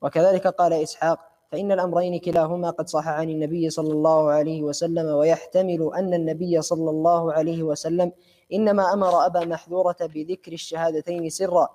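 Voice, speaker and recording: Brief: man reader, mellow tone, fast flat delivery, long reverberant hall. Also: fairly high pitch. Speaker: student reading the text aloud. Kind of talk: reading a classical text aloud.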